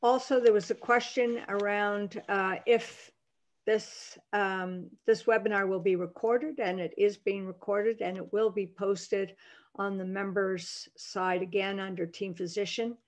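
Woman webinar moderator, unhurried and hesitant, mid pitch, computer mic. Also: fairly even intonation. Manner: slow, halting, many fillers. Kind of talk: hosting a Q and A webinar.

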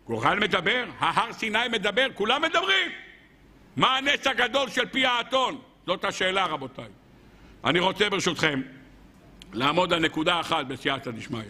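Rabbi giving a Torah lesson, man with a high, sharp voice, lively and questioning. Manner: animated, rhetorical questioning.

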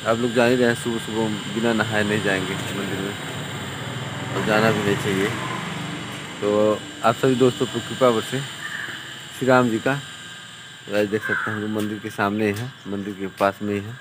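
A man's voice: lowish voice, flat delivery, normal speed, long pauses. A young man narrating a casual walking vlog outdoors on a foggy morning, chatty and always pointing out what viewers can see, filmed on a handheld phone. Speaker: vlogger. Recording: clear street noise and passing vehicles.

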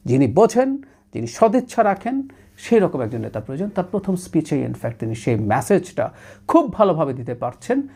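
A man's voice: fairly high pitch, mellow, husky. A man from Bangladesh hosting his own show, giving an analytical commentary monologue on politics with an emphatic manner that often slips English phrases in.

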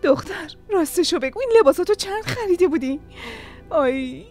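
Bossy mocking sister-in-law, high voice, sarcastic, TV drama, faint music behind. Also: female voice, animated, darkish tone. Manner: sarcastic and bossy, hurrying others along. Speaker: dub actress. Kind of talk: Persian-dubbed TV drama acting.

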